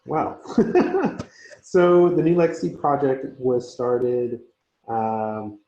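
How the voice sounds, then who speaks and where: A man speaking as a community organizer on a conference call whose audio keeps breaking up, talking in a slow, halting way with many pauses. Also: mid-range voice, dark tone. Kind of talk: speaking as a guest on a panel. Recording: muffled, echoey conference call line.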